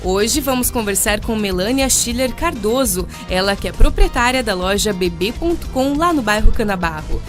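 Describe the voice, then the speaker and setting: A woman's voice: on the high side, animated, moderate pace, hardly any pauses, music in the background. A woman hosting a radio interview in a studio, prompting her guest with friendly questions. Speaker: radio host.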